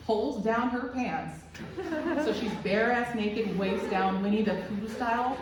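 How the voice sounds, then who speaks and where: A woman's voice: mid-range voice, a little slow. A woman in her twenties doing rambling, crude, self-deprecating stand-up storytelling in a small club room. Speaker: stand-up comedian. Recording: very echoey room, distant mic, faint noise.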